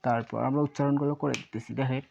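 Man slowly teaching kanji, dull lo-fi sound. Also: mid-range voice, fairly even intonation, gravelly, a little mellow, a little hiss or hum. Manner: repeats words slowly, spells out syllables, often says sorry. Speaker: Japanese teacher. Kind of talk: kanji lesson while writing on a board.

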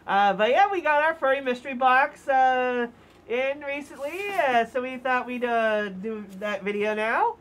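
A woman's voice: high-pitched, unhurried, fairly bright tone, a little hiss or hum. Woman talking through a costume head. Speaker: vlog host. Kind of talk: casual unboxing chat.

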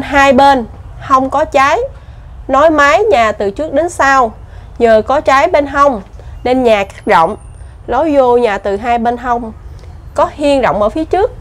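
Chatty woman vlogging. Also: on the high side. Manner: chatty, asks questions, reads signs aloud slowly. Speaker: vlog host. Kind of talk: casual travel vlog chat. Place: outdoors at a heritage site.

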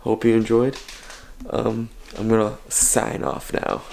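A young man with a fairly low voice talks into a handheld camera, casual and unsure, padding with fillers. He's from Canada and vlogs like a regular guy, not a presenter. A faint hiss sits behind him. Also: little pitch movement, slow, gravelly, a little mellow. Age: young adult. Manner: mumbly, hesitant, filler-heavy. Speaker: vlogger. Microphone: camera held at arm's length.

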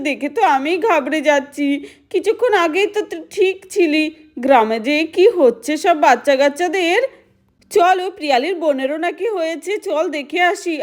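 A woman's voice: high-pitched, natural voice. A woman voicing an anxious village mother who talks in a worried, apologetic way.

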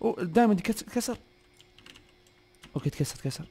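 A young man, hosting a gaming video and commenting on the gameplay, often repeating short words in quick bursts. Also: sits high, lively intonation, gravelly, mellow, slightly rough. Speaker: gaming channel host.

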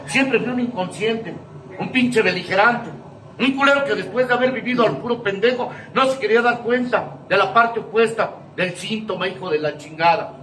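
Mexican man, high voice, emphatic slang-heavy recovery testimony; distant mic in an echoey room. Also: background noise. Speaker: speaker sharing his recovery testimony.

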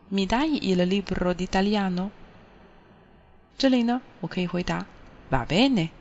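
A woman's voice: medium pitch, slight background noise. Woman teaching Italian, dull lo-fi audio. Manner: clear, explaining step by step. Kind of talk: recorded language lesson.

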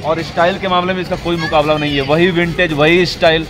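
A man's voice: fairly high pitch, fairly even intonation, quick pace. A young man talking casually as a travel vlogger, chatty and enthusiastic as he tours a hill fort outdoors and asks a local questions. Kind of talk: casual on-camera tour commentary.

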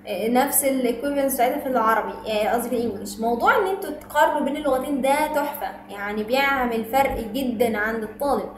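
A woman teacher with an Egyptian accent, explaining a lesson with quick asides and slow, careful explanations. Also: on the high side. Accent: Egyptian Arabic. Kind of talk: online lesson, Arabic mixed with English. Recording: roomy echo, faint ambient noise.

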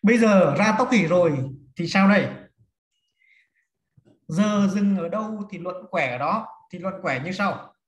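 A man with a high voice teaches slowly and methodically, counting through each step for his class. The room is echoey, so his words ring around him. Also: animated. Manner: slow, step-by-step counting and instructing. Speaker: feng shui teacher. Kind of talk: classroom lesson.

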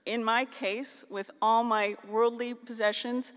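A woman's voice: fairly high pitch, flat delivery, a little slow. A middle-aged woman from the US, giving a formal graduation keynote at a podium microphone on a large auditorium stage. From northeastern Ohio, US. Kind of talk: formal ceremonial speech. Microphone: podium microphone on a stand. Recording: long hall reverb.

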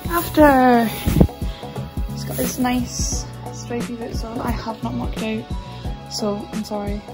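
A young woman with a slightly high voice talks chattily to her camera at a stable and riding arena, often apologizing as she goes. The camera sometimes sits a way off from her. Clear music plays under her voice throughout. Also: level tone, a little slow, low-quality recording. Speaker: horse-riding vlogger. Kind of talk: casual vlog chat. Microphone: camera on a tripod, sometimes far off. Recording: clear background music over the voice.

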